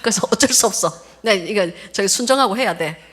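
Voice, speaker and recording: A woman pastor preaching a sermon, telling stories in an animated way and acting out the voices of the people in them. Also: mid-range voice, brisk, breathy edge. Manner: animated storytelling, laughs often, acts out quoted voices.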